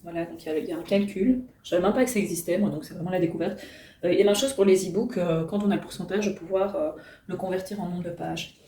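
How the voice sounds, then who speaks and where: A woman's voice: on the low side, fast talker, mellow, a little hiss or hum. A middle-aged woman chatting casually to camera as a book vlogger, hesitant and self-mocking, at home. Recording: roomy and a bit distant.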